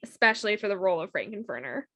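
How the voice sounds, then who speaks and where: A woman's voice: on the high side, lively intonation, moderate pace, fairly bright tone, no echo. A young woman co-hosting a film podcast in casual chat, reacting emphatically. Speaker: podcast co-host.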